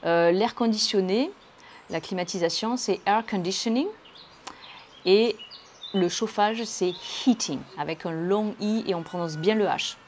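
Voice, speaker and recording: A woman's voice: medium pitch, unhurried, darkish tone, a little hiss or hum. A woman teaching English, explaining words and pronunciation carefully, one point at a time. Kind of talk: language lesson explanation.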